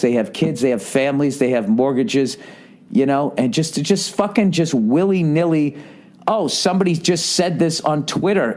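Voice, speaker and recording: A male comedian with a somewhat high-set voice holds forth in a loose podcast monologue. He swears constantly and rambles through his stories. He keeps pulling the listener in with quick asides. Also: a little mellow. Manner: profane, rambling storytelling; conversational, checks in with the listener.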